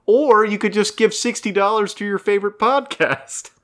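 A man's voice: high voice, normal speed, a bit bright. A young man co-hosting a podcast in casual comedic chat, rambling and self-deprecating. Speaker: podcast co-host.

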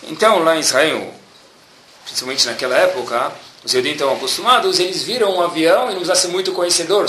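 Animated man teaching a sermon. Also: fairly high pitch, a little hiss or hum. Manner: keeps asking "tá bom?" as a check-in; lively, animated storytelling. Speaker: religious teacher. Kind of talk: sermon with storytelling. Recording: echoey room.

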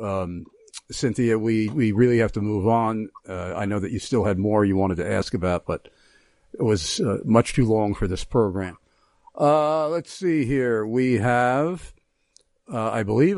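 A man hosting a call-in radio show, relaxed, with many uh fillers, spelling out names and addresses. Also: mid-range voice, dry recording, studio quality. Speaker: radio talk show host.

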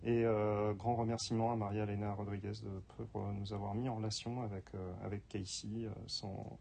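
Brief: male co-host, warm mellow tone, halting delivery that searches for words. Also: fairly low pitch, little pitch movement, gravelly, slight background noise. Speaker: podcast co-host and screenwriting teacher. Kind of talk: casual chat.

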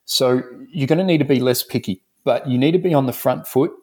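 A man's voice: mid-range voice, fairly quick, darkish tone. An Australian man from Melbourne, a dentist guest speaking in a frank, rambling way in a casual interview.

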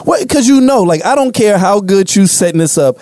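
A man's voice: high voice, lively intonation, brisk, a little mellow, no echo. A man in a casual chat, reflecting with enthusiastic, rambling delivery.

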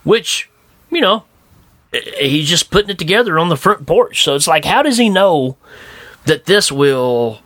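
A man's voice: on the high side, measured pace, no room sound. A man co-hosting a podcast, chatting casually and jokily about a bad movie, acting out scenes as he goes. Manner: jokey, animated, acts out scenes. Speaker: podcast co-host.

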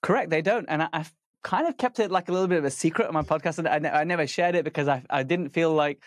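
Brief: thirties man, slightly high voice, chatty podcast guest, dry close mic. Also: fast talker, dry recording. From United Kingdom. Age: 30s. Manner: fluent, many fillers and restarts. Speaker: dentist and podcast host, guest here. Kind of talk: casual podcast conversation.

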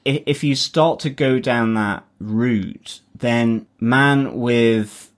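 A man's voice: mid-range voice, very slow. A man, co-hosting a casual chat and working through his thoughts with many restarts. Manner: hesitant, restarts often, thoughtful. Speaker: podcast co-host.

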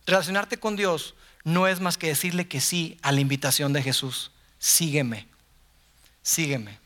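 A Mexican man preaches a sermon from a church stage with a high, bright voice. He talks in a conversational way and acts out quotes by softening or raising his voice. The tone is lively and direct. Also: normal speed. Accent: Mexican Spanish.

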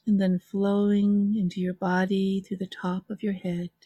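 A woman leading a guided relaxation visualization in a soft, soothing, unhurried way with long pauses. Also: mid-range voice, little pitch movement, no room sound, lo-fi sound. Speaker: interview guest, author and hypnotherapy practitioner.

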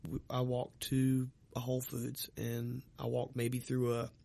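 A man's voice: mid-range voice, monotone, measured pace, gravelly, mellow. A man in casual profane chat, rambling with lots of fillers and swearing.

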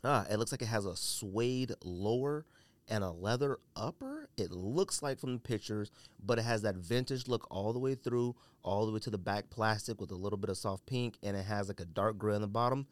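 A podcast host with a lowish voice and lively intonation talks at a moderate pace in a recording with no room sound. Feeling under the weather, he coughs and sneezes while delivering blunt, emphatic, opinionated commentary in a casual style, repeating himself for emphasis.

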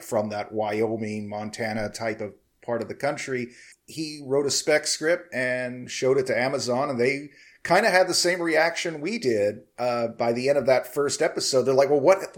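Joking podcast host man. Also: medium pitch. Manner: loose, joking, quick to laugh. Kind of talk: casual review chat.

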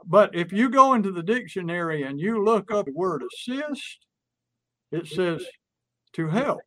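A man's voice: high voice, lively intonation, measured pace, dry recording. Folksy man teaching through stories. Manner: folksy, illustrates with stories and acted examples. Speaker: sales and persuasion speaker. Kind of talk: conversational teaching chat.

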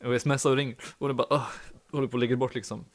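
A man's voice: mid-range voice, level tone. Young male podcast host, rambling anecdote, fillers galore, mid-range voice. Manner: rambling, filler-heavy, laughs at own story. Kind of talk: casual anecdote telling.

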